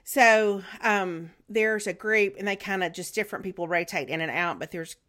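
A middle-aged woman with a Southern US accent chatting casually as a podcast co-host, in a rambling, halting way. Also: mid-range voice, bright, forceful tone. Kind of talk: casual chat.

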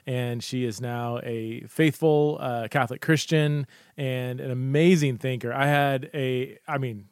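A man's voice: medium pitch, fairly even intonation, unhurried, clear, resonant tone, dry recording, studio quality. A man hosting a podcast, chatting casually and enthusiastically, rambling with fillers and restarts. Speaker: podcast host. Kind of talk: casual podcast intro and interview.

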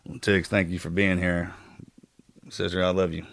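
A man speaking an earnest, halting tribute to a friend. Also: low voice, little pitch movement, gravelly, a bit bright, dry recording. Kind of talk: casual tribute.

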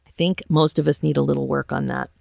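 A woman's voice: deep voice, steady tone, quick pace, vocal fry, darkish tone, dry recording, studio quality. A woman hosting a motivational podcast as a life coach, talking in an earnest, encouraging way and often asking rhetorical questions.

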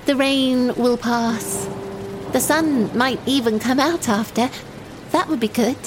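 A woman's voice: a little high, slow, noisy background. A woman playing a lonely, timid young runaway in an audio drama monologue, speaking in simple, naive, confiding phrases. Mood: hopeful, wistful. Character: lonely, timid young runaway waiting for a train, childlike and wistful.

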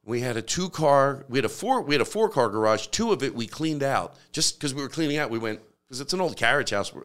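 A man's voice: mid-range voice, animated, brisk, fairly bright tone. A man telling long, rambling stories in casual chat, with many restarts and asides.

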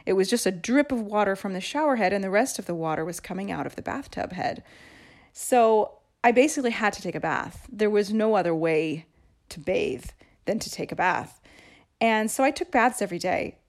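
Speaking at a moderate pace with a medium-pitched, expressive voice, a native English-speaking woman hosts a podcast and chats through her own anecdotes, frequently laughing as she tells them in casual storytelling style.

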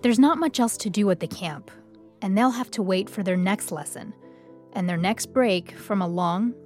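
Woman co-host narrating over soft music. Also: mid-range voice, moderate pace. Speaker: podcast co-host. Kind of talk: scripted narration.

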